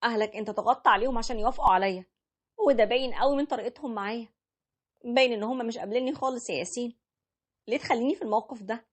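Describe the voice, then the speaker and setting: A woman voicing a gentle, gracious young bride in a told story, speaking softly and politely. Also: on the high side, very fast, voice pushed up, close to an everyday voice. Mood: hurt. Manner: soft, polite pleading. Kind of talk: storytelling with character voices.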